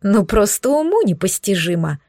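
A woman voicing an arrogant young female countess who talks down to everyone in a shrill, indignant way. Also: very animated, normal speed, a little mellow, dry recording, studio quality. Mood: haughty, indignant. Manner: haughty, indignant, squealing.

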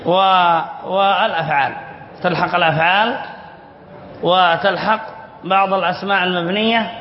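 A high-voiced man teaches a lesson, reading a text aloud and then explaining it. He repeats the key words and keeps quizzing his students as he goes. The sound is dull and lo-fi, and it echoes with a long reverb, as in a big hall. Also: a little hiss or hum. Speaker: sheikh teaching Arabic spelling rules.

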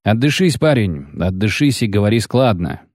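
A man's voice: fairly low pitch, expressive, normal speed, darkish tone, dry recording, clean studio sound. A man voicing a weary male army commander who gives curt, stern orders. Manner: commanding, then muffled.

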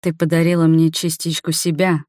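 A confident young man who speaks softly and intimately, voiced by a female audiobook reader in her own low tone. The storybook voice is recorded dry and close. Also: normal speed, no echo, close to an everyday voice. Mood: tender. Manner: soft, calm and intimate. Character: confident, tender young man, fire mage.

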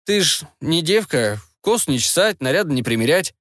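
A man's voice: a little high, sing-song, normal speed, a bit bright, dry recording, clean studio sound, pitched above the performer's own voice. A man reading an audiobook and voicing a naive, sulky fifteen-year-old prince who drawls and whines. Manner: whiny, drawling.

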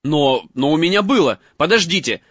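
A man's voice: a little high, expressive, moderate pace, a bit bright, no room sound, lo-fi sound. A man voicing a desperate teenage boy wizard urging an old man to drink, in an audiobook reading. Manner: urgent desperate coaxing.

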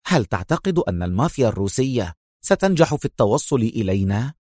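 A man's voice: medium pitch, big pitch swings, fast, dark tone, no echo, voice pushed down. A man playing a nervous young civilian man, hesitant and defensive, dry close sound. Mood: resigned.

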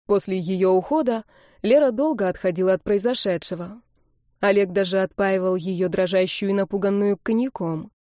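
A woman narrates an audiobook with steady, dramatic storytelling. Her voice is dark and mellow at a middle pitch, recorded close on a studio mic in a dry room. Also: no room sound. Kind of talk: scripted narration.

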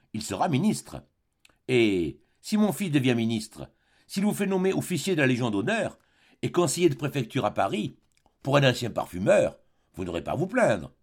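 A man's voice: medium pitch, slightly rough. A man reading the part of a dignified baroness in her late forties, speaking in a haughty, firm way in a storybook reading.

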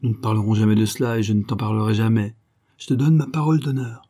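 A man's voice: on the low side, steady tone, quick pace, warm tone, close to an everyday voice. Man reading as a proud, coaxing father. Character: proud touchy older father coaxing his daughter.

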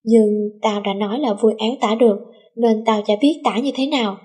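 A woman voicing a cheeky teenage boy who rambles through a pointless joke, with a breathy voice. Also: fairly high pitch, a little fast, darkish tone. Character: cheeky teen boy joker.

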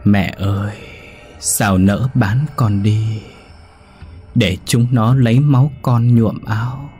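Man doing a slow, echoing ghost child. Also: lowish voice, fairly even intonation, mellow, faint music behind. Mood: mournful. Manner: slow, drawn-out, echoing from afar. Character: ghostly child, mournful, pleading with mother.

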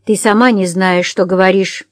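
A woman voicing a blind man who speaks quietly and with tight control. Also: medium pitch, fairly even intonation, moderate pace, no echo, clean studio sound, natural voice. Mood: restrained. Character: blind man, calm and restrained.

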